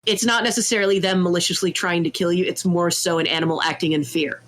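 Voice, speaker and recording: A woman guest on a podcast telling a tabletop game story in an animated, laughing way, often acting out what people said. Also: on the low side, fast talker. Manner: animated, laughing, jumps into quoted voices. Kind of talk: casual storytelling chat.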